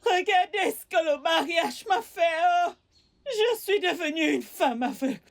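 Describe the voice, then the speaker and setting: A woman's voice: very high-pitched, lively intonation, measured pace, vocal fry, heavily acted. A wailing blinded mother. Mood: desperate. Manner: wailing, pleading. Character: mother going blind, beaten by husband. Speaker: actor. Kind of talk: film drama dubbed in French. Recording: film soundtrack with faint music.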